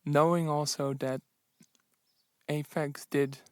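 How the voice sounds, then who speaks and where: A tired man keeping a casual, halting audio diary outdoors, sheltering under an umbrella in the rain. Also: on the high side, level tone, no echo, clean studio sound. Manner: halting, rambling, reflective. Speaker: travel vlogger on a solo walking trip.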